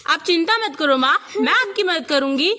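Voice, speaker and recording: Resolute schoolteacher played by a woman, reassuring declamation, bright and high, street theatre, slightly noisy recording. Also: expressive, moderate pace, full character voice. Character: caring, resolute female schoolteacher, devoted daughter. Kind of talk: amateur street play acting. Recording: noisy amateur recording with clicks.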